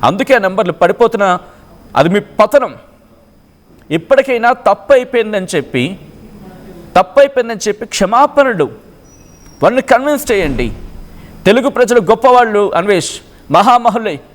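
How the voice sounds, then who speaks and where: A male news anchor hosting a live phone-in show, speaking in a measured, questioning way. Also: sits high, animated.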